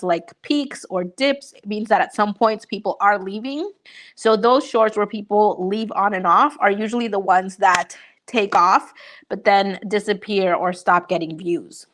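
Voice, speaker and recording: This is an easygoing livestream chat from a young woman from Honduras who makes YouTube videos. With a slightly bright, mid-range voice, she cheerfully fields viewer questions and uses many fillers.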